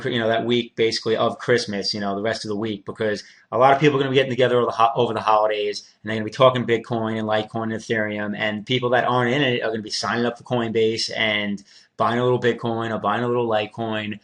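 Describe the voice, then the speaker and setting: A man's voice: medium pitch, fairly bright tone. A man hosting a casual trading show, walking through price charts in a laid-back, slangy way with loose fillers. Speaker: crypto trader host.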